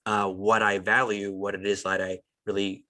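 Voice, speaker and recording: Man, low-pitched, casual group chat, rambling, fillers, video call mic. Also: level tone, moderate pace, pushed and bright, poor audio. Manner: rambling with many fillers and restarts. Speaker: podcast co-host. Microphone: remote video call.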